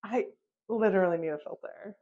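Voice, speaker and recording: A woman's voice: mid-range voice, fairly quick, phone-quality sound. A young woman hosting a podcast, telling a story in casual chat, swearing and laughing often. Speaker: podcast host.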